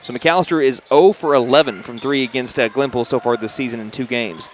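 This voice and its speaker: A man with an Oklahoma accent calling high school basketball play-by-play on the radio, quick and chatty with jokey asides. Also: slight background noise. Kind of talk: play-by-play commentary.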